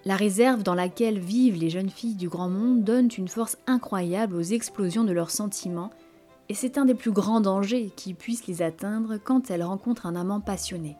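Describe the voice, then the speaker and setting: A woman gives a scripted literary narration of a classic novel. Her reading is measured and expressive, with a mellow, dark tone at a middle pitch. Faint music plays softly beneath her voice. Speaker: audiobook narrator.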